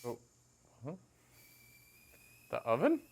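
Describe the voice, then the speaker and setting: Animated co-host reacting to a movie. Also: medium pitch, takes it slowly, vocal fry. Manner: animated, exclaiming and laughing. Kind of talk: casual chat.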